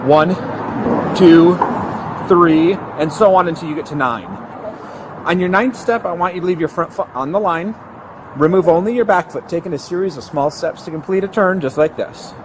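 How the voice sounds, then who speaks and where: A male police officer with a high voice gives methodical, step-by-step instructions at a moderate pace, checking that he's understood. He's outdoors at a roadside near a patrol car, recorded by a body camera he wears, and the noisy audio picks up passing traffic.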